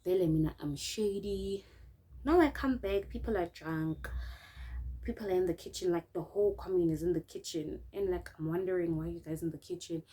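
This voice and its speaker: This is a casual makeup-storytime vlog by a young South African woman with a South African accent, who acts out people's lines with animation and sprinkles in local words. She speaks fairly quickly in a fairly low voice with a breathy edge, and the recording is low quality.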